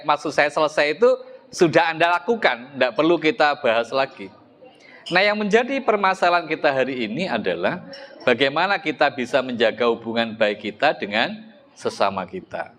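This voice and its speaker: A man's voice: mid-range voice, fairly bright tone. A middle-aged man with an East Javanese accent giving a religious study lecture in a mosque, talking conversationally and asking his listeners rhetorical questions. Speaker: Islamic religious teacher.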